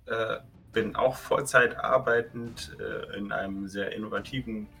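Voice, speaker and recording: A man's voice: fairly low pitch, fairly even intonation, measured pace, creaky, bright, forceful tone, faint music behind. A man in his thirties from Germany, co-hosting a casual podcast and often restating himself as he rambles. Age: 30s. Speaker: podcast co-host.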